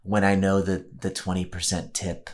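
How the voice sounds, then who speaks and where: A man's voice: deep voice, completely flat delivery, moderate pace. A man co-hosting a casual film review chat, rambling with many restarts and fillers. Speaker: co-host.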